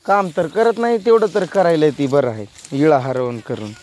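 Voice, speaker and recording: A man talking casually while working outdoors in a soybean field, often calling out loud instructions to children and helpers. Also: fairly high pitch, big pitch swings, normal speed. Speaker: vlogger at work in a farm field.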